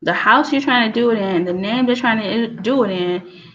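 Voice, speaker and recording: A woman's voice: on the high side, normal speed, a bit bright, lo-fi sound. A woman hosting her own show, talking in a rambling, casual monologue full of restarts and "you know"s.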